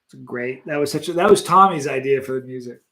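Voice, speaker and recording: Here a live-stream host in his late fifties talks casually and reads viewers' comments aloud, lively and quick to laugh. He has a medium-pitched voice and speaks fast.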